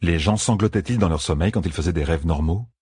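A man reading fantasy fiction aloud as an audiobook narrator, in a measured, dramatic delivery. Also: deep voice, a little mellow, husky, no room sound, studio quality.

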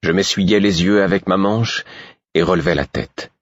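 A man reading an audiobook, giving slow, expressive first-person narration. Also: deep voice, slightly rough, no room sound, lo-fi sound. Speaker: audiobook reader.

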